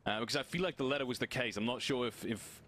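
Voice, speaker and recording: A man's voice: mid-range voice, fast talker, fairly bright tone, slight background noise. A man giving live esports color commentary, analytical, often restarting and repeating words as he thinks. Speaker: esports caster.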